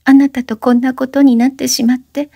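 A woman's voice: sits high, little pitch movement, fairly quick, creaky, warm tone, no echo, clean studio sound, voice pushed up. A woman voicing a desperate, guilt-ridden young woman who pleads breathlessly through sobs in a spoken story reading. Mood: tearful.

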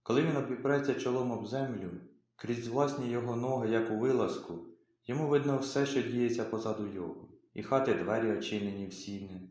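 A man reading a literary story aloud as an audiobook narrator, in a measured, expressive storytelling manner. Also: medium pitch. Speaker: audiobook reader. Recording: very echoey room.

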